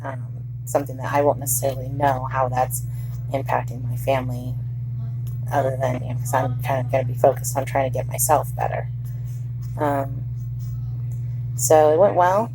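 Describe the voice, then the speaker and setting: A low-voiced woman records a casual video diary while recovering from surgery. She rambles candidly with light humor in a deep register. There is a faint hum behind her voice. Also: steady tone, moderate pace, long pauses. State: recovering hours after surgery. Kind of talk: casual chat to camera. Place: hospital room, in bed.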